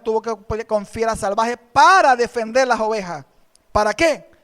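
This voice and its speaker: High-voiced impassioned preaching man. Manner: impassioned preaching, swinging from shouts to hushed asides. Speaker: pastor. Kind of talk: sermon. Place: church.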